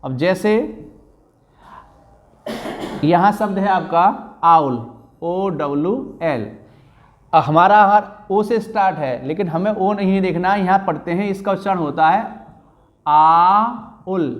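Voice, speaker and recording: A man's voice: high-pitched, normal speed. A male teacher explaining grammar to pupils in a classroom lesson, drawing out words and repeating the answers.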